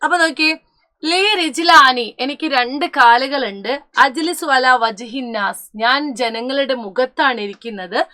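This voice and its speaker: High bright-voiced woman teacher. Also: a little slow. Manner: addresses students as children, asks and answers her own questions; mixes English words into her speech, corrects herself often. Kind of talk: online class lesson.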